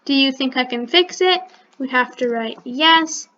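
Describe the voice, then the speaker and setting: Here a high-pitched woman speaks at an easy pace with a bright, forceful tone, though the highs are cut off. Hosting a screen-recorded coding tutorial, she works through the program aloud one step at a time, clicking along and correcting herself.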